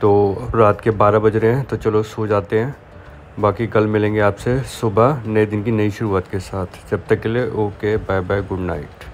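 With a lowish voice, a steady tone and a normal pace, this man in his forties narrates a casual vlog from a hillside camp outdoors. He's filming selfie-style on a phone, showing viewers around, and there's a slight hiss or hum.

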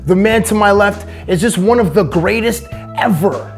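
A man's voice: high-pitched, moderate pace, soft background music. A man in his thirties hosting a comic interview indoors on a lapel mic, hyper and bouncy, stumbling over his words. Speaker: host. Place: office room, indoors.

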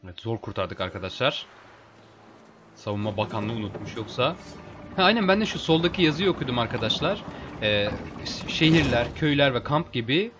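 A man casually commenting on a video game as he plays, chatting with his viewers as friends and getting excited in fights. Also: mid-range voice, a little fast, over music. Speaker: let's play host.

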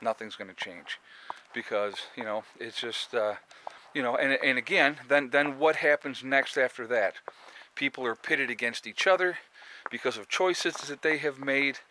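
A man in his forties talks to his viewers outdoors on snowy ground, his voice bright and forceful. He rambles along earnestly, calling them folks. The sound comes from a phone he holds at arm's length as he walks. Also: medium pitch, moderate pace, a little hiss or hum. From United States. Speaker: prepping vlogger. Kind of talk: casual vlog monologue. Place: outdoors on a snowy rural property. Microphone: phone camera held at arm's length while walking.

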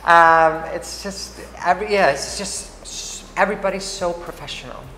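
The interviewee, a chatty woman from Iceland, has a low voice with a fairly bright tone and speaks at a moderate pace, leaning on fillers and restarts in this casual interview. Recorded via lapel mic in a spacious bright hall with wood screens, the audio has a little hiss or hum, roomy echo and faint ambience.

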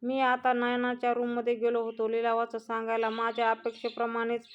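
A woman's voice: a little high, completely flat delivery, fairly quick, dull audio, natural voice. A woman reading as a worried, well-meaning young man. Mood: pleading.

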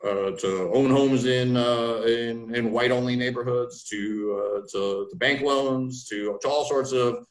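A man's voice: medium pitch, unhurried, few pauses. A man speaking as a historian guest on a video call from a home room, thoughtful and explanatory, often ending points with "right?". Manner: thoughtful, restarts phrases, frequent "right?" tags. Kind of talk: academic discussion on a video call. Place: home room with framed pictures. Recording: roomy video call audio.

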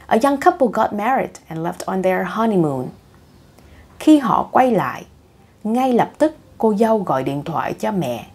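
Woman, audiobook narrator, bilingual story reading, husky, very slow. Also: medium pitch, sing-song, a little mellow. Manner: reads each line twice, in two languages.

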